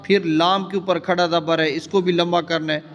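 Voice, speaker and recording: A male religious teacher with a Pakistani Urdu accent, explaining correct recitation and chanting example words slowly. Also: on the high side, little pitch movement, in a large hall, lo-fi sound, faint music behind. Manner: slow, drawn-out chanting of example words between quick explanations. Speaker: Islamic scholar teaching prayer recitation.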